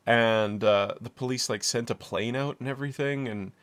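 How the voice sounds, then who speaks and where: A man's voice: mid-range voice, moderate pace, fairly bright tone. A young man co-hosting a podcast, telling a rambling, swearing anecdote in casual chat. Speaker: podcast co-host.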